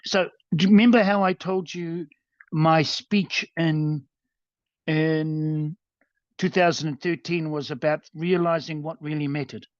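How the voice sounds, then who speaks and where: A man's voice: a little high, steady tone, unhurried, no echo. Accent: New Zealand. Sex: man. Role: workshop presenter. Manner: earnest, stumbling restarts. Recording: dull, dry video call audio. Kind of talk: coaching talk over a video call.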